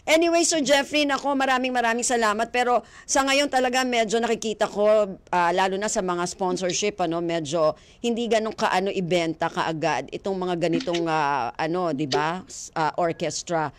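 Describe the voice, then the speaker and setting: A woman's voice: medium pitch, normal speed, clear, resonant tone. A woman hosting a casual radio interview, chatty and playful, laughing often into a studio mic. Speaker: radio host.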